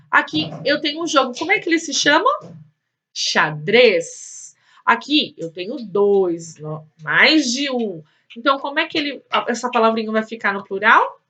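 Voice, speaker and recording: A woman's voice: fairly high pitch, bright, forceful tone. A woman teaching a remote lesson to young children, asking questions and stretching out words in a sing-song way. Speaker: primary school teacher.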